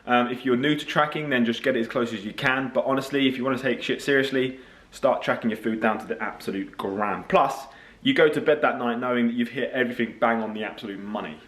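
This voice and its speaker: A man's voice: mid-range voice, fast, fairly bright tone, echoey room. A man, a fitness coach talking casually to camera, chatty and blunt. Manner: chatty, blunt, matter-of-fact. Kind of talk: casual vlog talk to camera.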